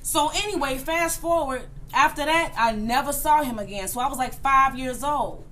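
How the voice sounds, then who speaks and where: Thirties woman, blunt storyteller who swears freely, bright and forward, faint background ambience. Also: high-pitched, normal speed, a little hiss or hum. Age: 30s. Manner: blunt, profane, acts out quoted voices. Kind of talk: casual chat, personal story.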